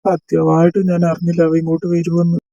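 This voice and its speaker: A man's voice: on the high side, completely flat delivery, quick pace, gravelly, mellow, dry recording, muffled recording. A young man voicing a teasing male college senior who banters and mock-scolds his friends in an amateur dubbed romance drama. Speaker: fan dub voice actor.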